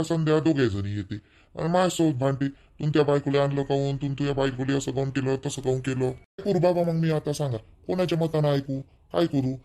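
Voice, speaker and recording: A man's voice: fairly high pitch, vocal fry, darkish tone. A man voicing an anxious young husband, making worried, helpless appeals.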